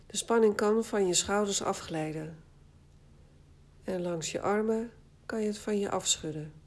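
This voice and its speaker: A woman guiding a body scan relaxation exercise, speaking calmly and soothingly in short phrases with long pauses. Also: mid-range voice. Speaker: guided meditation instructor.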